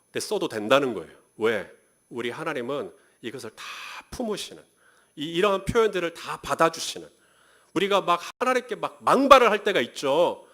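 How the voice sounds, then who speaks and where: A man delivers a sermon from a church pulpit, and his voice rides a fairly high, very animated pitch. He talks to the congregation directly and keeps asking them rhetorical questions. When he reads scripture, he slows right down. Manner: reads scripture aloud slowly. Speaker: pastor. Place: church sanctuary.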